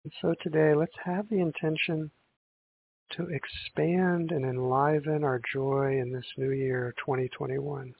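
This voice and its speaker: Gravelly man guiding meditation like a sleep narrator. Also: a little high, steady tone, a little hiss or hum. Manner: slow, soothing, with long pauses between instructions. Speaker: meditation guide. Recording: muffled, phone-like narrow sound.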